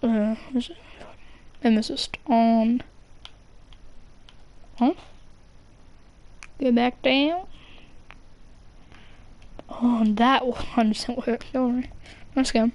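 Young woman, high-pitched, casual gameplay chat, foul-mouthed, self-mocking. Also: steady tone, slow pace, long pauses, darkish tone. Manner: chatty, swears freely, self-mocking. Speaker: gamer.

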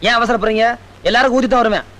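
A man's voice: very high voice, fairly even intonation, very fast, pushed and bright. An actor playing a village man who serves food at a wedding, answering back in a cheeky, dismissive way in a film comedy.

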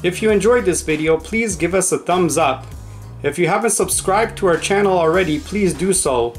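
A man's voice: sits high, normal speed, faint music behind. A man reading a scripted outro asking viewers to like, subscribe and comment. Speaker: channel outro announcer.

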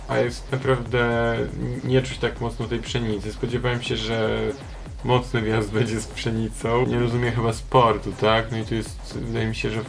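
Flat-voiced young man, chatty commentary. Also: medium pitch. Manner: chatty, digressive, sarcastic. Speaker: video commentator. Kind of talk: casual commentary.

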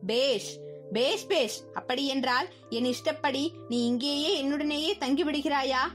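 Woman voicing a middle-aged male circus owner, scheming, mocking, high-pitched, soft music behind. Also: a little slow. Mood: taunting. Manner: taunting, mocking.

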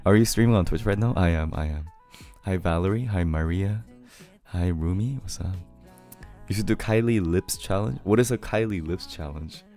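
A young man from Korea hosts a relaxed live stream, greeting viewers by name and laughing easily. His voice sits very low and sounds hoarse from singing too loud. A song plays faintly in the background. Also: normal speed, faint music behind. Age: 20s. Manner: laid-back, greets viewers one by one, laughs often. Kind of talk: casual live stream chat, reading viewer messages aloud. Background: his favorite song playing softly.

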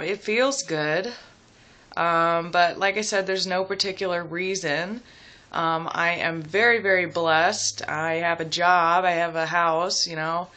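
A young adult woman chatting casually and personally to the camera at home, hesitant and reflective, pausing as she thinks aloud. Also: lowish voice, sharp tone. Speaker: vlogger. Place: small room at home, seated indoors.

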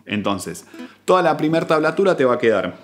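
A man, a guitar teacher giving a calm, methodical step-by-step tutorial, counting out strings and frets. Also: a little high, a little fast. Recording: guitar playing loudly between phrases.

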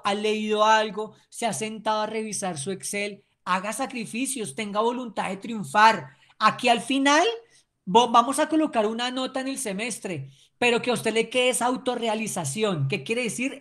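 A woman lecturing a sports training class, emphatic and often checking in with her listeners. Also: fairly high pitch.

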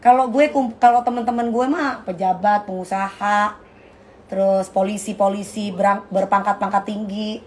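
A middle-aged woman sells bags on a casual live stream, brash and full of trash talk, calling everyone darling. Her mid-range voice holds a steady tone at normal speed, with slight background noise.

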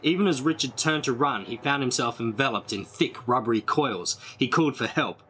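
A man reading a storybook aloud in a dramatic, measured way. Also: mid-range voice, a bit bright, soft background music. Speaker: storybook reader.

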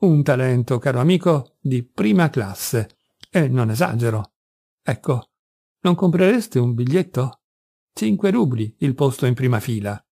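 An eager young friend in an audiobook, bubbling with persuasion, as a man reads him. The voice stays mellow and dark, recorded close and dry without room sound. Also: mid-range voice, expressive, measured pace, no echo. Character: lively enthusiastic young male friend.

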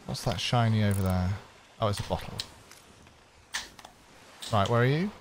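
A man's voice: lowish voice, normal speed, noisy background. A man from Wales hosting a game stream, joking and teasing his co-player and viewers in a playful, self-mocking way. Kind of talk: casual gaming stream chat.

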